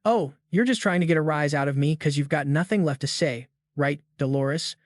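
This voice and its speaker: A bitter, sarcastic noblewoman hurls accusations at her former friend, as a male narrator reads her lines. The voice sits a touch high and sounds dry and close, with little room around it. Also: moderate pace, no echo, natural voice. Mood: furious, sarcastic. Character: furious, bitter noblewoman stripped of title.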